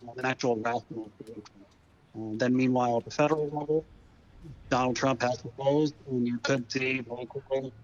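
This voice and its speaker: A man calling in as a phone interview guest, heard over the phone, talking in a measured, deliberate way about policy. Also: medium pitch. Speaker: phone-in guest, head of an advocacy group. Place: green room before a TV appearance. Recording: muffled dry phone line.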